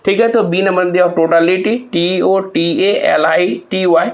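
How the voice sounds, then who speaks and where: A man runs an exam revision lesson, his voice sitting a little high. He spells each word slowly, letter by letter, and keeps asking his students questions. The recording sounds muffled and lo-fi. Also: steady tone. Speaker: exam prep teacher. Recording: muffled lo-fi audio.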